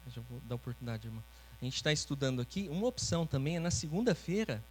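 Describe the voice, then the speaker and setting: A man's voice: on the high side, poor audio. Conversational male pastor, faint hum. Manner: conversational, often ends phrases with "né?". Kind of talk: teaching sermon with congregation interaction.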